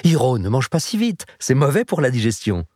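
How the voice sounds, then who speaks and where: A brisk young woman, the cook's only daughter, scolding a customer with quick, practical care, as a male reader puts her on. The voice is pitched well above his low, husky tone, recorded dry and close. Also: sing-song, a little mellow, no room sound.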